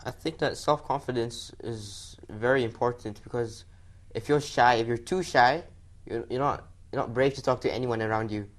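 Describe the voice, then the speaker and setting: A man's voice: mid-range voice, normal speed. A fourteen-year-old boy from Malaysia, a talk show guest who often repeats himself mid-sentence. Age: teen. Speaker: young guest.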